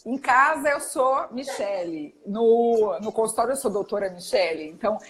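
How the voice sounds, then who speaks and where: A woman with a Brazilian accent, a doctor giving an animated, emphatic live talk. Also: on the high side, moderate pace, a crowd in the background, poor audio. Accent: Brazilian Portuguese. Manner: energetic, emphatic, demonstrates tones of voice. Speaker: guest speaker, doctor.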